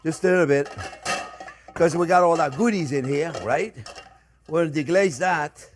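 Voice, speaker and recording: An older man with a slightly high voice presents a casual cooking demonstration. He is animated and talkative, repeats little phrases, and addresses his viewers as friends. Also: moderate pace, slight background noise. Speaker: chef hosting a cooking show.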